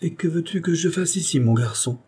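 A man voicing a dry, discreet older country doctor, hushed and confiding. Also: on the high side, lively intonation, a little fast, husky, pitched above the performer's own voice.

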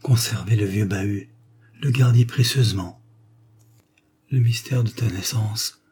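A man reading the part of a dying old woman who speaks in halting, breathless pleas that drop to whispers. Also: lowish voice, a little mellow, husky. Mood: pleading.

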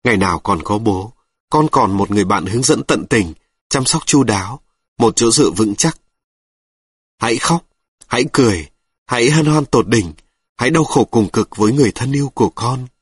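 A man reading reflective prose aloud in slow, measured scripted narration. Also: medium pitch, animated, slightly rough, no room sound. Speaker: reader of an audiobook.

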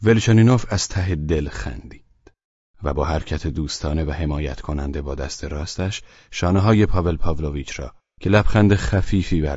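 A man narrating a novel as an audiobook in a measured, even reading. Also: very deep voice, no room sound, highs cut off. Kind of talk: scripted narration.

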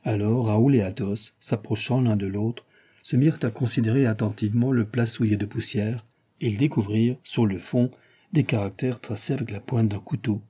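A man reading a novel aloud as scripted narration, lively and raising his voice for shouted lines. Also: on the low side, moderate pace, husky. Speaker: audiobook reader.

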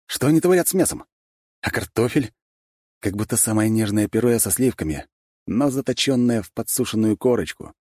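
A man's voice: fairly low pitch, expressive, brisk, a little mellow, dry recording, clean studio sound, voice pushed up. A man voicing an earnest, loyal young friend in an audiobook. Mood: eager.

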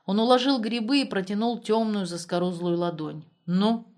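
A woman reading a story aloud. Her narration is calm and even, told at a steady storyteller's pace. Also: mid-range voice, a little fast.

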